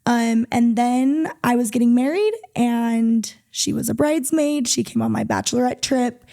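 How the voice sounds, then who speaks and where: A woman's voice: fairly high pitch, big pitch swings, moderate pace, warm tone. A woman in her twenties, a podcast guest, chatting easily and casually. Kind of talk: casual chat.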